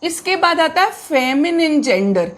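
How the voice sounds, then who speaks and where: Woman teacher, high pitch, patient classroom explainer. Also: very animated. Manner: explains slowly with repetition and questions to pupils. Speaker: English teacher. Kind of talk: classroom lesson explaining grammar.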